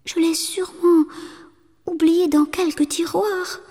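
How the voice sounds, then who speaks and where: A woman voicing a terrified young wife who pleads in a high, trembling voice in a storybook reading. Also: steady tone, slow, mellow, in a large hall, full character voice. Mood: frightened.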